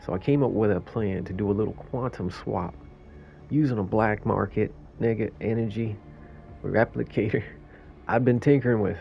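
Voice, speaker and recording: A man's voice: lowish voice, gravelly, warm tone. A man reading the lines of a sarcastic male raccoon mechanic in a game, with a weak put-on New York accent. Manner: reading game dialogue aloud. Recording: muffled lo-fi audio, faint game music.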